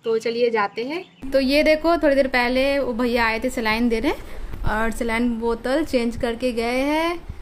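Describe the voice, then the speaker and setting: A woman's voice: fairly high pitch, measured pace, a little hiss or hum. Chatty woman vlogger with a slight lisp. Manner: chatty, explaining to viewers. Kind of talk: casual home vlog chat.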